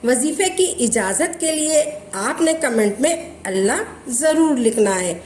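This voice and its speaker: A woman with a high voice explains a devotional routine slowly and patiently, going over each step again and again. Her voice rings in an echoey room over a faint background ambience. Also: expressive, a little mellow, slight background noise. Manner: slow, repetitive, patient. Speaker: religious instructor. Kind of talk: step-by-step instructions for a devotional practice.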